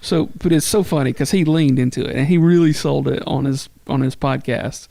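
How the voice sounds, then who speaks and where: A man's voice: mid-range voice, a little fast, creaky, mellow, no echo. A middle-aged man, co-hosting a podcast and telling a long rambling story with plenty of swearing. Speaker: podcast co-host. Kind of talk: casual chat.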